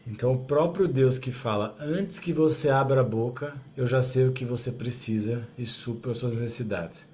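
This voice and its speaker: A man leading a church meeting, explaining a Bible passage in a relaxed, conversational way. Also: medium pitch, moderate pace, a little hiss or hum. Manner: relaxed and conversational, full of tag questions. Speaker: leader of a church small-group meeting. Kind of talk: informal Bible teaching.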